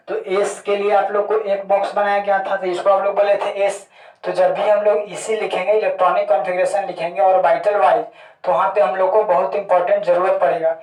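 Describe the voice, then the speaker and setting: A man's voice: high-pitched, a little mellow. A man teaching a chemistry lesson, often repeating key terms as questions to his students. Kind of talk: classroom lecture. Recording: echoey room, voice distant from mic.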